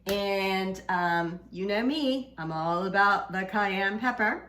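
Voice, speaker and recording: A woman presents a home-style cooking demo in a mid-range voice. She talks casually and haltingly, pausing on fillers, with a playful, flirty streak. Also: mid-range voice, a bit bright, a little hiss or hum. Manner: halting, filler-heavy delivery. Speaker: cooking video host.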